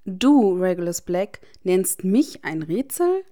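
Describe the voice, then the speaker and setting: A woman's voice: lowish voice, sing-song, slow pace, dark tone. A woman voicing a cheerful, cocky teenage wizard boy with a playful, easygoing manner.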